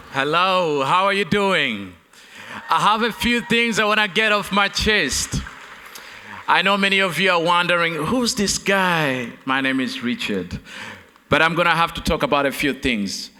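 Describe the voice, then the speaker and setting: Speaking on a large conference hall stage, a Ugandan man who is both keynote speaker and competition host delivers a rhetorical keynote in a voice on the high side, pushed and bright. The hall's long reverb follows his repetitive oratory as he calls the crowd his friends.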